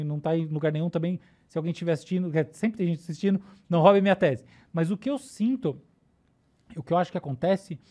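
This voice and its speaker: Mellow-voiced Brazilian woman explaining patiently. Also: medium pitch. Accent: Brazilian Portuguese. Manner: explanatory, often checks in with "tá?" and "né?". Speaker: neuroscientist guest. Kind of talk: casual podcast explanation.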